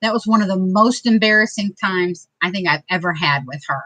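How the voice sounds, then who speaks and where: A middle-aged craft vlogger from Detroit, USA, tells funny family stories while crafting, chatty, laughing and poking fun at herself. Her voice is fairly low, brisk and sharp, and the recording is dry.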